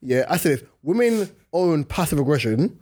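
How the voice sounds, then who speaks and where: Male podcast co-host, young, London roadman slang, slightly high voice, emphatic casual banter. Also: very animated, moderate pace, darkish tone. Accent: London, urban slang. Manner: emphatic, repeats phrases for effect.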